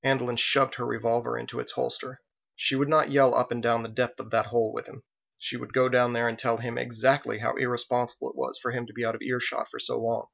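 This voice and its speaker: A man reads an audiobook in a measured, steady way. His voice has a gravelly, creaky edge at a mid pitch. The recording sounds dull and slightly lo-fi. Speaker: narrator. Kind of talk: audiobook narration.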